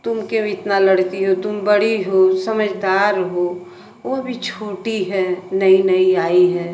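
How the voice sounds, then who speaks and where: A woman's voice: mid-range voice, steady tone, takes it slowly, a little mellow, lightly acted. A woman voicing a weary old widowed mother-in-law who patiently pleads with her quarrelling daughters-in-law, in a roomy echoing recording. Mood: pleading. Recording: roomy echo, faint background noise.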